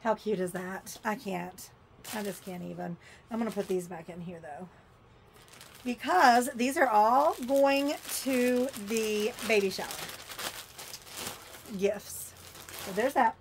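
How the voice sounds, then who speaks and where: This vlogger has a medium-pitched voice and takes her time, pausing often, with slight background noise behind her. She chats casually on camera while unboxing a shopping haul, exclaiming and muttering as she fiddles with things.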